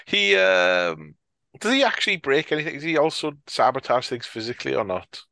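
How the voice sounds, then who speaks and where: A man chats about a film in a loose, rambling way, cursing easily and often dropping a thought halfway through. His voice sits at a middle pitch. The recording is close and dry. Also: very animated, fairly quick, bright, forceful tone, no room sound. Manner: rambling, swears freely, trails off mid-sentence. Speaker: podcast co-host. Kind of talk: casual film discussion.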